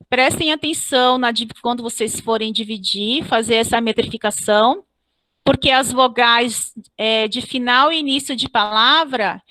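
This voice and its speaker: A woman teacher giving an online class. She explains step by step, spells out syllables slowly and keeps checking with "ok?". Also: a little high, pushed and bright, dry recording. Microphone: computer mic on a video call.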